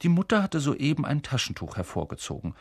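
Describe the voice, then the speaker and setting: A man's voice: fairly high pitch, huge pitch swings, brisk, slightly rough, dry recording, clean studio sound. A man reading a novel aloud in scripted narration, storytelling expressively. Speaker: audiobook reader.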